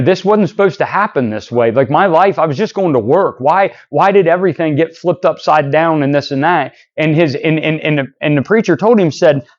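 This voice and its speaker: A man's voice: a little high, a little mellow, dull audio. A man preaching a sermon, telling a long story in a rambling way, often saying "so anyways" and acting out what people said. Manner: rambling, repeats "so anyways" and restarts, acts out quoted dialogue. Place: church.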